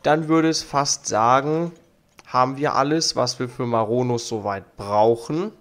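A young man with a cold hosts a let's play, reading the game's text aloud and commenting casually as he goes. His voice sits in the mid range at a measured pace, picked up by a studio mic on an arm with faint game music behind him.

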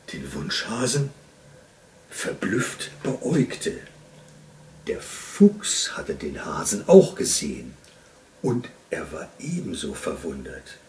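A man reading a children's story aloud in an expressive, unhurried storytelling voice. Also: lowish voice, recorded from a distance, slight background noise.

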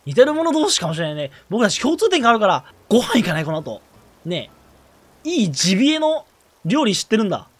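A man's voice: high-pitched, very animated, quick pace, husky. Playful, teasing male game streamer. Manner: playful, teasing, mock-flirty banter. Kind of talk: casual gameplay commentary.

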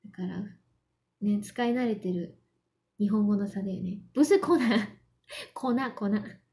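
Speaking with a medium pitch and lively intonation at a moderate pace, this young woman from Yamanashi, Japan, runs an idol livestream in second-language Mandarin mixed with Japanese. Her voice is creaky yet mellow, and she giggles while reading out viewers' comments.

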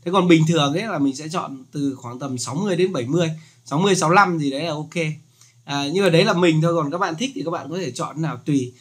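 A man hosting a casual screen-recorded software tutorial, chatty and joking as he explains. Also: on the high side, quick pace, breathy edge.

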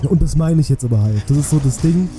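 With music playing in the background, a man streams a game from a small indoor room at home, offering casual, colloquial commentary as he thinks out loud. He talks fast in a fairly high, expressive voice.

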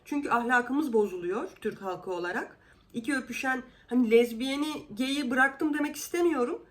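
A woman vlogger giving casual commentary in an indignant, exasperated, sarcastic manner, with sudden jumps in pitch. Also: normal speed.

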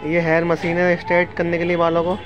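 A man's voice: a little high, completely flat delivery, fast talker, muffled recording. A man in his thirties casually narrating a walking tour of an outdoor street market, chatty and often addressing viewers as friends, recorded on a handheld phone. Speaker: vlogger. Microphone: handheld phone camera. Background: street noise.

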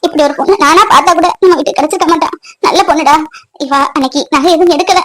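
A woman's voice: high voice, very fast, fairly bright tone. A woman voicing a bossy middle-aged mother-in-law in a cartoon, grumbling and nagging in complaint after complaint. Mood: remorseful. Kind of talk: cartoon voice acting.

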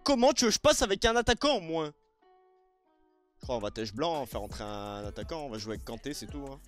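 A young man with a French accent giving raging gameplay commentary, shouting one moment and muttering the next, with sing-song taunts. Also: mid-range voice, very animated, fast talker, faint music behind. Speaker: gaming streamer.

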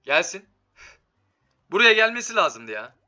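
Bright, forceful man with tired voice. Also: sits high, sing-song, unhurried. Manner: slangy, swearing, talking to the game. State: slightly sick, voice giving out. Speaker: slot game streamer. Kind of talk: casual live gameplay commentary. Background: game music.

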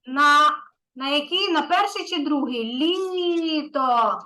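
A high, bright-voiced woman teaching a small child, slow and patient. She praises often and draws out the important words so the child can follow. Her voice stays gentle and encouraging. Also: lively intonation, rough recording. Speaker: kindergarten teacher. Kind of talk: online lesson with a young child.

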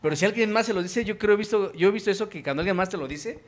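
A man hosting a talk show discussion, conversational and leading the talk. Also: high voice. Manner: fast, conversational, leads discussion.

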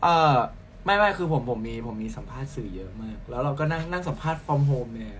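A man's voice: medium pitch, animated, brisk, a bit bright, slight background noise. A young man from Thailand, a singer, chatting casually and playfully with fans at home while reading out their comments on a phone live stream. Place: at home, in sleepwear.

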